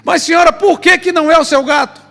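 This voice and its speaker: A man's voice: fairly even intonation, fast talker, sharp tone, exaggerated voice. A man voicing a frantic airport baggage clerk who pleads in a strained, raised voice. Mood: pleading, exasperated. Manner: pleading, high-pitched and insistent. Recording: long church reverb, faint music.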